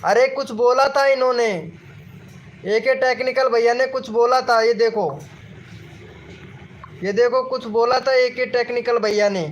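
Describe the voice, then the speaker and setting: A man chatting live with viewers, reading their comments and egging them on, repeating himself with excitable energy and calling everyone brother. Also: extremely high pitch, a little slow, long pauses, a little hiss or hum. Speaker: live streamer.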